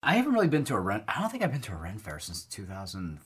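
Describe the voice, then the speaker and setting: A woman's voice: very deep voice, wildly swooping pitch, very fast, slight background noise. A woman co-hosting a casual podcast chat, blunt and swearing freely, laughing often. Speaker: podcast co-host.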